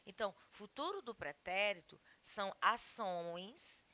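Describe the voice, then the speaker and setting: A woman's voice: medium pitch, big pitch swings, measured pace, bright, forceful tone. A woman with a Brazilian Portuguese accent teaching a grammar lesson, explaining patiently and asking and answering her own questions. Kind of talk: grammar lesson, correcting exercises.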